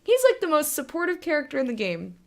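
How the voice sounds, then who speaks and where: A woman's voice: sits high, big pitch swings, fast. A woman giving casual live gameplay commentary as a streamer, gushing and sentimental. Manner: gushing, sentimental, baby-talks to the game. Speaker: game streamer.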